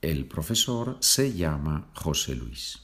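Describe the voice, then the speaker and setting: A man teaching a podcast language lesson, repeating phrases slowly for learners. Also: very deep voice, big pitch swings, creaky, fairly bright tone. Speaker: Spanish teacher.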